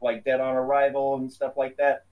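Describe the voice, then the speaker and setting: Man, mid pitch, set back from the mic, casual film chat, rambling with restarts. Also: completely flat delivery, normal speed, darkish tone, recorded from a distance, rough recording. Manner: rambling, many restarts, laughs while talking. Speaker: podcast co-host.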